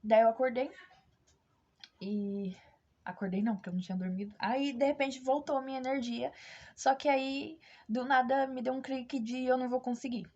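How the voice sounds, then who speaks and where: Husky young Brazilian woman, chatty storyteller. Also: high voice, steady tone, moderate pace, darkish tone. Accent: Brazilian Portuguese. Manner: candid, chatty, acts out quoted people. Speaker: vlogger. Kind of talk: casual storytelling to camera. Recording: dull lo-fi recording.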